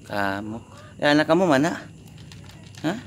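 A man with a gravelly, rough-edged voice talks softly to hungry stray cats, urging them again and again to come closer and eat. He speaks in short, repeated calls in a casual, coaxing way. The recording is noisy, with an outdoor market at night, meowing cats and passing vehicles behind him. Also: fairly high pitch, expressive, measured pace. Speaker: vlogger feeding stray cats. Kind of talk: casual talk to animals.

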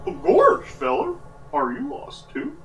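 A man's voice: extremely high pitch, huge pitch swings, slow pace, far from the mic, highs cut off, noisy background, heavily acted. A man voicing an amiable, goofy cartoon dog-man with a folksy drawl, in a comic dub. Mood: friendly, earnest. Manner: folksy drawl, "gorsh" exclamations. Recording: roomy echo, faint music behind.

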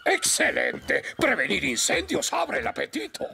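A man's voice: extremely high pitch, huge pitch swings, measured pace, vocal fry, heavily acted. A man voicing a pompous, stern older fire station officer in a children's cartoon dub, blustery and drawn out. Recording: loud music behind the voice.

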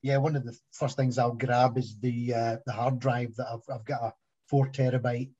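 A man's voice: mid-range voice, little pitch movement, normal speed, dark tone, husky. A man, a guest speaker on a video call, talking hesitantly with repeated words. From Tasmania, Australia. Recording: muffled video call audio.

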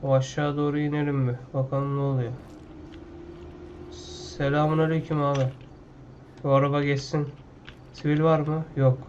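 A fairly high-voiced man commenting on his own gameplay in a loose, slangy way, talking to himself and to the characters on screen. His home mic sounds dull and lo-fi. Keyboard clatter and a faint hum sit behind him. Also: little pitch movement, normal speed, pauses often, darkish tone. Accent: Turkish. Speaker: gaming YouTuber.

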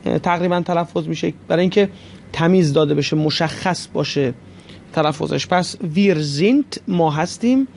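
A man's voice: on the high side, gravelly, a little mellow, a little hiss or hum. A man teaching a recorded language lesson, patiently repeating each form and addressing his listeners as friends.

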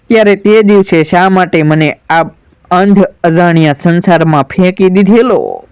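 A man's voice: high-pitched, darkish tone, smooth, dry recording. A man storyteller voicing a grieving proud warrior son in a dramatic recitation, solemn and pleading. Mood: bitter.

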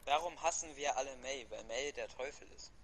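A man co-commentating a match with a friend, calm and dry, teasing him now and then. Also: medium pitch, fairly quick, a little hiss or hum, rough recording. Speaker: gamer co-commentating. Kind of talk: casual gaming commentary.

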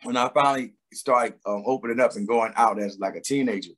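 This is a casual interview conversation over video call with a middle-aged Philadelphia man, a singer there as a guest. Recorded through a webcam in a home room with a door behind him, his mid-range voice comes across relaxed and rambling, full of pauses, hesitations, fillers and restarts.

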